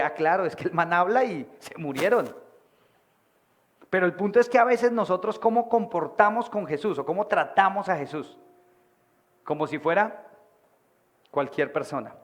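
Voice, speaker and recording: A man preaching a sermon to his church, projecting his voice and acting out characters in the stories. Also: sits high. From Colombia. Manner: animated, acts out voices of people in stories. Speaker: pastor. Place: church meeting hall.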